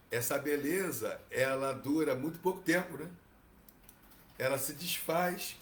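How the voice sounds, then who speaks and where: A man with a Brazilian Portuguese accent teaching from scripture, relaxed and digressive, often adding tag questions. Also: medium pitch, reverberant, a little hiss or hum. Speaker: Bhagavatam teacher. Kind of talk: reading and commentary on scripture.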